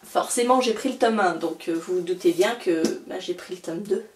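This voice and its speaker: A woman's voice: fairly low pitch, moderate pace, a little hiss or hum. A young woman chatting casually and eagerly about books she bought, with many fillers and restarts. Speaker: book vlogger. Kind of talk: casual book haul vlog. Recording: roomy, a little far from the mic.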